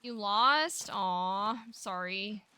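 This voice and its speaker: Bright, crisp-voiced woman streamer. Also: medium pitch, very slow, dry recording. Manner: laid-back, reads chat aloud, lots of fillers. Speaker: game streamer. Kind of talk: casual live-stream chat.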